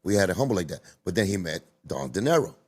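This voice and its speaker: A man's voice: deep voice, big pitch swings, fast talker, a little mellow, husky. A man from Cuba hosting a podcast, telling stories in casual street slang with emphatic delivery. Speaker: podcast host. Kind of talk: casual chat.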